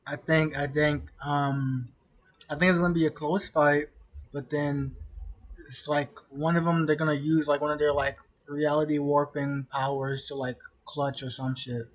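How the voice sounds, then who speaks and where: A man reacting casually as a streamer, halting and stunned, with frequent swearing. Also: on the high side, little pitch movement. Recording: clear background noise.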